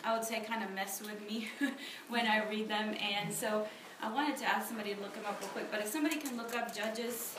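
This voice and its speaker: A woman's voice: medium pitch, steady tone, brisk, few pauses. A woman from Honduras in her thirties giving a casual personal testimony at a church meeting, talking with many ums and restarts, recorded on a phone. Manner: conversational, frequent ums and restarts. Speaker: speaker at a church ministry meeting. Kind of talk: personal testimony talk with prayer. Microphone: phone recording on a table. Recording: echoey room with noticeable background noise.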